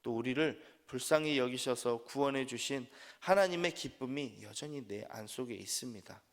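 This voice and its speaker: A man preaching as pastor at an early-morning prayer service, earnest, rising on key phrases and trailing off softly at the ends of sentences. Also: medium pitch, normal speed. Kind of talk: sermon. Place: church sanctuary. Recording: long church hall reverb.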